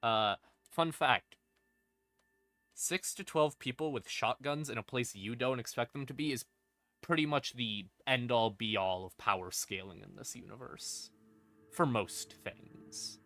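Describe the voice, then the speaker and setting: On a stream, a man explains lore casually and off the cuff, irreverent and swearing freely. His voice is mid-range with a sharp tone, and he speaks at a measured pace. The dry recording has ambient background music playing under his voice.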